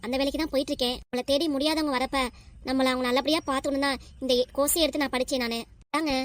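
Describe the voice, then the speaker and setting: A woman's voice: high voice, close to an everyday voice. A woman voicing an earnest, lovestruck twenty-year-old nurse with a southern Tamil Nadu accent, pleading insistently in a cartoon. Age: 20s. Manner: pleading, insistent, talks over objections. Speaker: voice actor. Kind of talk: cartoon voice acting.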